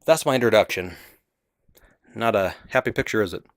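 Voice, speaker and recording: A man delivers a political commentary monologue on his podcast, emphatic and declamatory, with dramatic pauses between phrases. His voice sits a little low. The recording is dry and close. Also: expressive, no echo. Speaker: podcast host.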